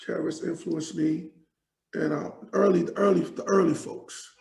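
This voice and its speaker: Gravelly New man, rambling. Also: fairly high pitch, fairly even intonation, normal speed, darkish tone, reverberant, low-quality recording. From Jamaica, raised in New York. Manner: rambling, many fillers and restarts. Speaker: hip hop artist, guest. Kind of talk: casual interview talk.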